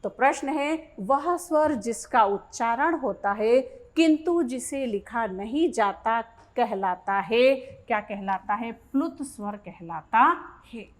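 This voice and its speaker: A woman with a fairly high voice teaches a grammar lesson at an unhurried pace. She reads each question aloud, repeats it, and walks through the answer step by step, like a patient exam-prep tutor. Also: animated. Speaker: Hindi teacher.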